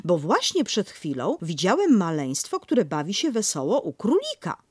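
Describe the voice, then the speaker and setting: A woman voicing a calm, matter-of-fact young boy in a storybook reading, close to her own voice. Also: lowish voice, normal speed, breathy edge, no echo, full character voice.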